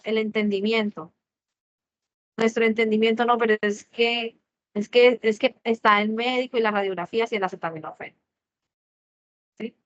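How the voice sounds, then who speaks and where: A woman's voice: fairly high pitch, a bit bright, no echo. Earnest woman teaching a Bible class. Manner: earnest, repeats key phrases for emphasis. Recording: muffled lo-fi audio.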